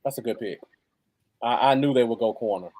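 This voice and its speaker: A man's voice: medium pitch, brisk, darkish tone, a little hiss or hum. An American man chatting casually as co-host of a live football fan show. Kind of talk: casual live sports chat.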